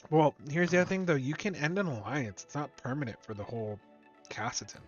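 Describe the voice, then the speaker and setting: A man's voice: on the high side, lively intonation, brisk, dull audio, faint music behind. A man hosting a gaming stream, reading game rules aloud and debating them in casual chat. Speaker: streamer host.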